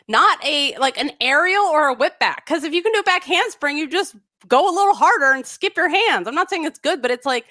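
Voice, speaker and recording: A high-pitched woman with a very lively, swooping voice, co-hosting a podcast in a dry studio sound. She talks in an emphatic, ranting way, piling up her complaints with plenty of energy. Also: dry recording. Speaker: podcast co-host. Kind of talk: casual chat.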